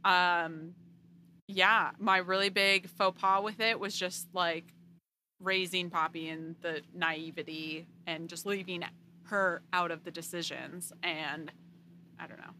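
Chatty woman cohost, bright voice, faint background noise. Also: lowish voice, fairly even intonation, slow. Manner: chatty, lots of "like" fillers. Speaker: podcast co-host. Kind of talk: casual chat.

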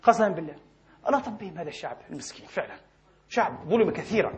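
Fiery fast-talking preacher man. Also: sits high, animated. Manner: fiery, rhetorical questions, swears oaths. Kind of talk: impassioned Friday sermon. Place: mosque.

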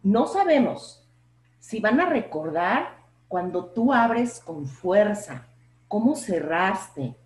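Slow, expressive Mexican woman professor. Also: medium pitch, reverberant, poor audio. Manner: expressive, plays up intonation, asks rhetorical questions. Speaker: professor, podcast guest. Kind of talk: explanatory talk on public speaking.

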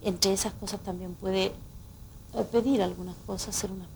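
Woman guest singer on radio, mid-pitched and thoughtful, explains patiently. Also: fairly even intonation, moderate pace, gravelly, a little mellow, a little hiss or hum. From Chile. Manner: explanatory, reflective, frequent "¿no?" tags. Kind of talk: radio interview.

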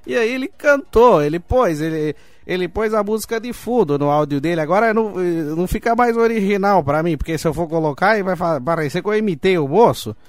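A man's voice: high voice, expressive, fairly quick, few pauses, no room sound. A man with a Brazilian accent hosting a solo podcast, chatting casually and rambling, swearing often and laughing along. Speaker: podcast host.

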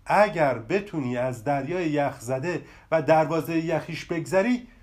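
A man's voice: a little high, animated, darkish tone, lightly acted. A man voicing a kind red fish in a storybook, earnest and coaxing. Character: kind wise red fish, gentle urger.

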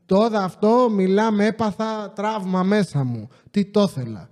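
A man's voice: high voice, darkish tone, in a large hall. A man hosting a podcast, ranting in a casual, sarcastic way and swearing often. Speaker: podcast host. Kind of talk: casual comedic rant.

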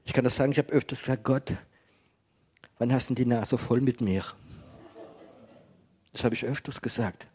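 A man preaching to a congregation in a gentle, conversational way, often asking his listeners questions. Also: medium pitch, fairly even intonation, normal speed, pauses often, slightly rough. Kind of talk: sermon to a congregation.

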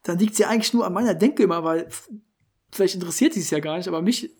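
A man's voice: high voice, very fast, darkish tone, husky. A man co-hosting a casual podcast, rambling and self-mocking as he acts out his own thoughts. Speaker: podcast co-host. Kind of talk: casual chat.

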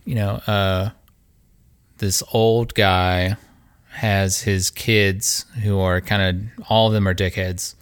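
A man co-hosting a podcast in casual chat, laid-back and halting, with many fillers. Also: low-pitched, level tone, clean tone. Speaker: podcast co-host.

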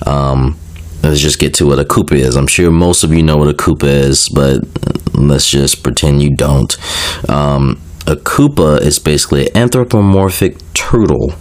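A young man who is a video creator casually explains video game lore while getting over a cold, sounding a little nasal. His voice is very deep and his pace moderate, full of fillers, asides and self-corrections.

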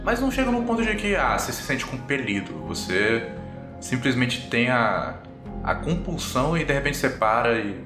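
In a sing-song mid-range voice at moderate speed, a man with a Brazilian accent narrates a tabletop RPG on the fly, laying out each scene piece by piece. Music plays beneath him, and the room adds noticeable echo.

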